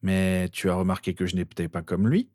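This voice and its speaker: A man's voice: low-pitched, fairly even intonation, moderate pace, darkish tone, no echo, clean studio sound, natural voice. A man reading a desperate young wizard. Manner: pleading, insistent.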